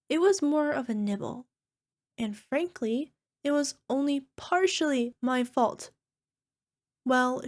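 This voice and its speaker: Her high voice carries the role of a small cyclops monster girlfriend in an ASMR roleplay. The voice actress wheedles sheepishly, making cutesy excuses to defend herself.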